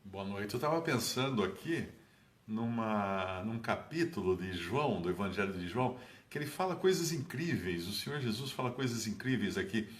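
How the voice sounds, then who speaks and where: A man giving an informal Bible teaching as a preacher, talking casually and climbing sharply in pitch to stress key phrases. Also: moderate pace, echoey room. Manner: animated, dramatic rises in pitch on key phrases.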